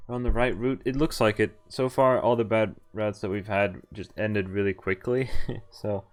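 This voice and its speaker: A man with a fairly low voice streams a visual novel and reads its text aloud at a moderate pace, with fairly even intonation. He swears freely, dropping in casual, profanity-laced comments. Music plays softly behind him.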